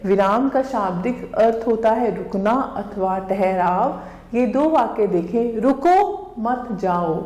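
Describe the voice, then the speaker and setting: A woman teaching a Hindi grammar lesson to schoolchildren, addressing them fondly and reading example sentences slowly and deliberately. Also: sits high, darkish tone, roomy sound. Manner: affectionate, addresses pupils directly. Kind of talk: explaining a textbook lesson to children.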